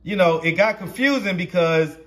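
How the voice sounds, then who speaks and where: An easygoing man of thirty-nine with a Southern US accent asks chatty questions in a street interview. He laughs often, and his voice sits high for a man. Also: moderate pace, a bit bright. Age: 30s. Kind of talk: casual interview.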